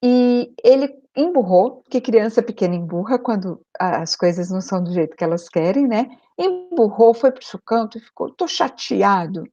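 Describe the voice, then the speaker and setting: A woman's voice: medium pitch, brisk, few pauses, mellow. Emphatic woman, lo-fi sound. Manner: emphatic, repeats key points, checks in with the listener. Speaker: parenting coach. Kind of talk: advice video monologue. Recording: dull lo-fi recording.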